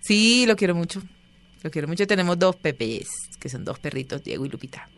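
A woman's voice: fairly low pitch, fairly quick, vocal fry. A woman, a guest telling stories in a casual interview and acting out the voices of the people she quotes. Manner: animated, acts out quoted voices.

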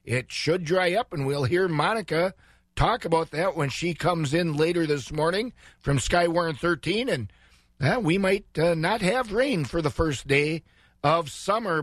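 A man's voice: a little high, expressive, a little slow, dry recording, studio quality. An American man hosting morning radio, chatting casually through the local weather in a folksy way.

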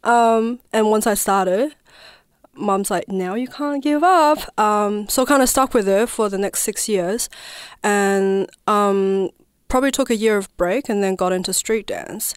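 Smooth-voiced woman. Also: mid-range voice, measured pace, dry recording, studio quality. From southwest China. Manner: reflective, hedging with frequent "I suppose" and "like". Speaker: guest artist. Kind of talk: casual radio interview. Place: radio studio.

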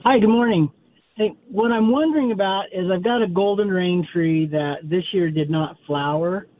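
A man's voice: high voice, moderate pace, dry recording. A man calling in to a radio show over the phone, talking casually and searching for his words. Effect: heard over the phone. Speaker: radio call-in caller. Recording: tinny phone line, faint hiss.

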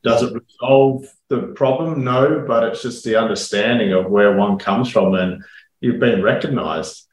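A man in a casual chat, speaking plainly and haltingly as he searches for his words. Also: medium pitch. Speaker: podcast co-host and parent. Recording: roomy echo.

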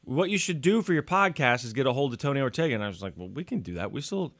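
A man's voice: mid-range voice, expressive, fast talker, a bit bright. A man hosting a podcast, chatting casually with his co-host and guest.

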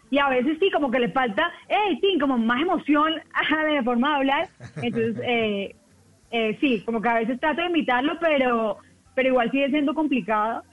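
A woman with a softened Colombian coastal accent chats quickly and easily as a guest on a radio show. Her voice comes through a tinny phone line with no room sound around it. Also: high voice, no echo. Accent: Colombian coastal Spanish, softened. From Colombian Caribbean coast. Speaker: TV news presenter, guest. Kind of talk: casual radio chat.

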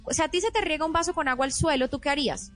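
Woman, parenting expert, high voice, didactic, acts out example phrases. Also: very fast, faint music behind. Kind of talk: explanatory podcast talk.

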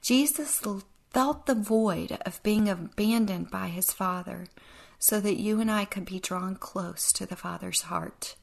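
A woman's voice: mid-range voice, a little slow, vocal fry. A woman hosting a devotional podcast, teaching in an earnest, reflective way with a touch of dry sarcasm. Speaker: podcast host.

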